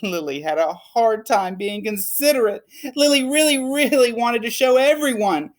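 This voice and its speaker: A man who works as a teacher, reading a children's story aloud in an expressive, emphatic way. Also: very high voice, normal speed. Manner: animated, emphatic.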